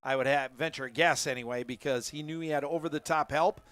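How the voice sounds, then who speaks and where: Color guy on a football stream, kinda high voice, walks through each play. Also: fairly even intonation, quick pace, fairly bright tone, dry recording. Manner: laughs easily, breaks down plays. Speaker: color commentator. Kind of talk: live football commentary. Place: press box at a football stadium.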